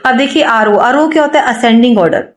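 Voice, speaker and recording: Talking fast with a slightly high voice, a woman explains a music lesson in an echoing room. Classroom-style, she fields her own questions and keeps returning to the key points.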